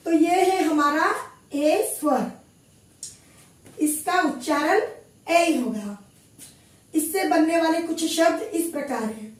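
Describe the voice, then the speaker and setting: A woman teacher speaks slowly and carefully, repeating each word for young learners. Her voice sits high. She is heard from a distance in a very echoey room. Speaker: Hindi teacher. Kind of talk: slow classroom lesson, spelling out sounds.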